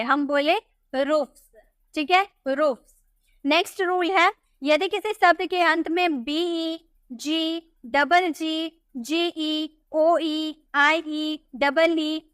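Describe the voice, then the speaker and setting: Female tutor, high pitch, patient and repetitive, dry close recording. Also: a bit bright, no echo. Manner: patient, repeats words slowly with rhetorical questions. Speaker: English pronunciation teacher. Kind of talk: Hindi-language tutorial explaining rules.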